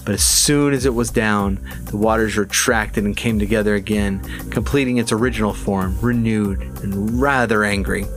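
A man reading fantasy narration for an audiobook in a measured, even way. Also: lowish voice, faint music behind.

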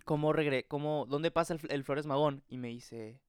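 A young man from Mexico, telling a story in casual podcast chat, animated and slangy, acting out the voices of the people in it. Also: fairly high pitch, moderate pace, clean tone, no echo, clean studio sound. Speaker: podcast co-host.

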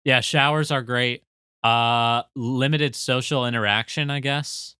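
A man's voice: mid-range voice, steady tone, unhurried, pushed and bright, smooth, dry recording, studio quality. A man co-hosting a casual podcast chat, rambling and joking as he reads out the show's plugs. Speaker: podcast co-host.

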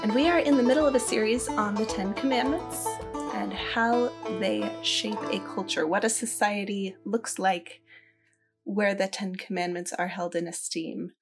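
A woman hosting a podcast, welcoming listeners and reading scripture aloud in a measured, formal way. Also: medium pitch, over music. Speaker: podcast host.

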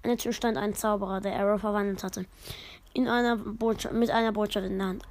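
A woman's voice: medium pitch, fairly even intonation, fairly quick, a little mellow, no echo. A woman reading her own story aloud as a storyteller, with rambling, self-correcting asides to her viewers.

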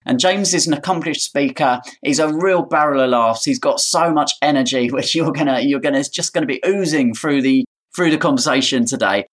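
A man presents an interview podcast. His voice is of average pitch, and he moves between prepared introductions and questions to his guest. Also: a little fast. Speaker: podcast host. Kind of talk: scripted introduction and interview hosting.

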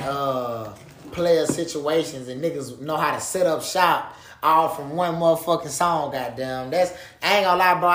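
A man's voice: on the high side, fairly bright tone, slight background noise. A man chatting casually on a podcast in heavy street slang, repeating himself for emphasis and peppering his talk with bro. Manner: repetitive, emphatic phrasing. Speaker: podcast co-host. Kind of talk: casual opinionated podcast chat. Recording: echoey room.

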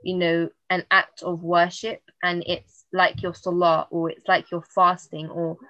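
A woman's voice: lowish voice, flat delivery, a little slow, sharp tone, dry recording, muffled recording. A woman co-hosting a podcast, talking earnestly in long reflective monologues in casual chat. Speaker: podcast co-host.

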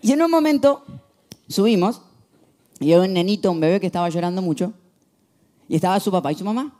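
A young man with a Rioplatense Spanish accent preaching a sermon, telling stories with lively shifts from hushed to emphatic. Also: high voice, fast talker. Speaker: pastor.

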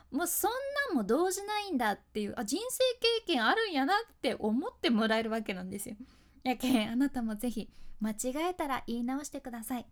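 High-voiced woman with Kyushu dialect. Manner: chatty, laughs often, self-teasing. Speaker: speaking coach, freelance announcer. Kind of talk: casual instructional talk.

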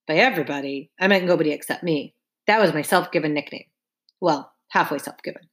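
A woman's voice: sits low, brisk, fairly bright tone. A woman reading a first-person audiobook narration in a casual, wry, conversational way.

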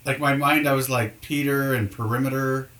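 A man co-hosting a casual podcast, joking around in an unhurried way. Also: medium pitch, steady tone, a bit bright, roomy sound, distant mic. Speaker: podcast co-host. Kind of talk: casual chat.

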